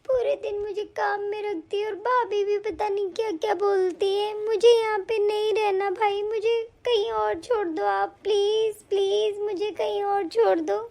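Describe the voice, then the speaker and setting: A woman voicing a mistreated orphaned young woman in an animated family story, tearful and pleading. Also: very high voice, normal speed, vocal fry, hardly any pauses, a little hiss or hum.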